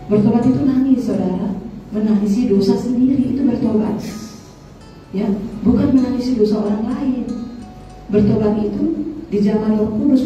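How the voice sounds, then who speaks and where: A woman's voice: a little high, dark tone, far from the mic, dull audio. A woman pastor preaching a sermon, asking the congregation questions and calling them saudara. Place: large echoey church hall. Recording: very echoey church hall, voice from afar.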